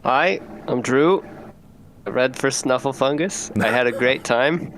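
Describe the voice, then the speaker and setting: A man's voice: mid-range voice, measured pace, fairly bright tone, a little hiss or hum, rough recording. A man in the cast speaking in a dry, matter-of-fact way over an online call. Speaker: voice actor in the cast. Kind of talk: casual chat. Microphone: online voice chat.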